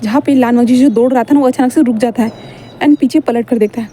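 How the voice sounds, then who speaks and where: A woman's voice: a little high, steady tone, fast talker, warm tone, a little hiss or hum. A woman reading a fan fiction story aloud in chatty narration with frequent fillers.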